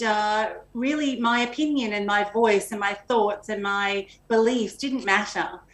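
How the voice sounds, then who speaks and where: A woman's voice: fairly high pitch, fairly bright tone. Earnest woman in an echoey room. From Australia. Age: middle-aged. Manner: reflective, earnest storytelling. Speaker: guest, magazine editor. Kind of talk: interview storytelling. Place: home room with flowers and shelves. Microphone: video call.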